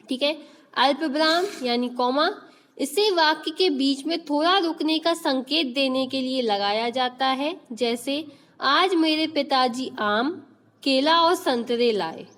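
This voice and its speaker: A woman's voice: sits high, fairly bright tone, long reverb tail. A woman teacher, teaching an online class and quizzing children with repeated questions as she explains. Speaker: school teacher.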